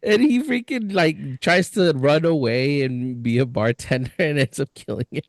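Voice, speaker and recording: A man's voice: medium pitch, fairly even intonation, normal speed, no echo, clean studio sound. A man co-hosting a podcast in casual chat, talking eagerly with slang and easy laughter. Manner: enthusiastic, says dude and freaking, laughs easily. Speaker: podcast co-host.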